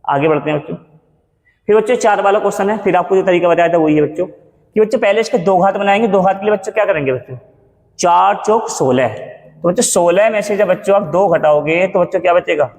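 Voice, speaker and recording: A man's voice: high-pitched, fast talker, a little mellow, long reverb tail. A man teaching a maths lesson in Hindi, calling viewers children and asking questions he answers himself. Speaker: math teacher. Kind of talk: classroom-style maths lesson.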